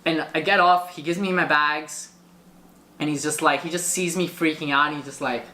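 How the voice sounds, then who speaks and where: A man telling a travel story in casual chat, animated and full of filler words. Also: a little high, normal speed, reverberant. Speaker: guest storyteller.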